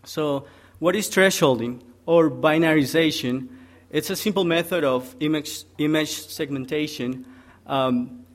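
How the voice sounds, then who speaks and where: A young Peruvian man with a fairly high-pitched voice gives a technical conference presentation. He speaks haltingly, filling gaps with many ums as he works through each point step by step.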